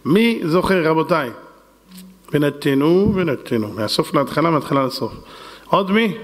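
A man, a rabbi, making an insistent and repetitive appeal for donations during a sermon in a synagogue. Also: sits high. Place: synagogue hall with women's section. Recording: long hall reverb.

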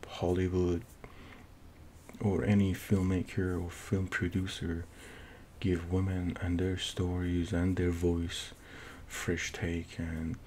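Low-pitched man with thick Persian accent. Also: completely flat delivery, a little mellow. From Iran. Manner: halting, searching for words with repeated false starts. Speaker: film reviewer. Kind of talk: casual unscripted movie review. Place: small home office, indoors. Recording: noisy room recording with low rumble.

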